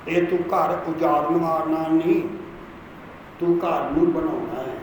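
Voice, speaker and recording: A Punjabi-accented male pastor preaches at a slow, deliberate pace, his voice sitting high. He calls out lines and urges the congregation to say them back loudly. The church hall is strongly echoey with a long reverb and audible background noise. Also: fairly even intonation. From Punjab, India. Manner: urges the congregation to repeat his words aloud. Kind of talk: call-and-response sermon.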